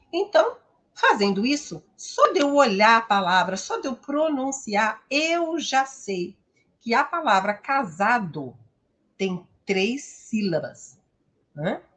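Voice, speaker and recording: Brazilian woman teacher, high voice with a lively melody, patient and checks in with the class often. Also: slow. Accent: Brazilian Portuguese. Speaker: English teacher. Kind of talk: live-streamed pronunciation lesson.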